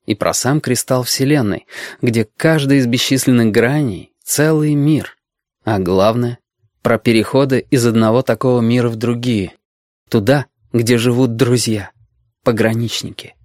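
A man narrates an audiobook in a calm, measured storytelling style. His voice is mid-range, and the recording is dry and studio quality.

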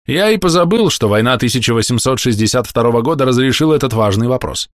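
A man reading an audiobook, voicing a smooth-talking male trader who sounds falsely friendly and faintly ironic. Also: mid-range voice, lively intonation, fast talker, no room sound, clean studio sound, natural voice. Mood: ingratiating.

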